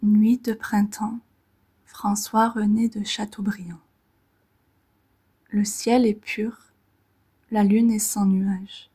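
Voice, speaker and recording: A woman reads poems gently and deliberately, in a relaxing way, pausing between short phrases. Her breathy, soft voice is medium in pitch and level in tone, often trailing off into near-whisper.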